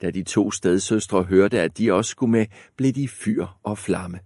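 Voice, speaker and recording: A man reads a fairy tale aloud in a calm, measured way with a lowish voice. The recording is dry and close, with no room sound. His telling is steady and even. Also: no echo. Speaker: narrator.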